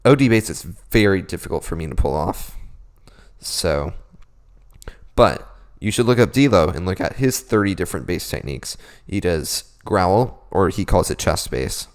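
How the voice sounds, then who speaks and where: Young man, very low voice, lively intonation, casual beatbox tutorial, self-deprecating. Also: measured pace. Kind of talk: casual vocal technique tutorial.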